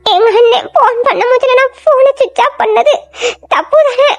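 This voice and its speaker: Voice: very high voice, normal speed. A performer voicing a timid, frightened young woman in an audio drama, who pleads in a tearful, anxious manner. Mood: tearful fear. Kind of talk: amateur audio drama acting.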